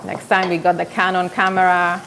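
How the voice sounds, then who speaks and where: Her voice is on the low side, delivered completely flat at a moderate pace against a noisy background. Even so, this woman in her thirties from South Sudan, with a South Sudanese accent, hosts a chatty live cooking show from her home kitchen, telling stories as she cooks, recorded by a tripod camera at medium distance.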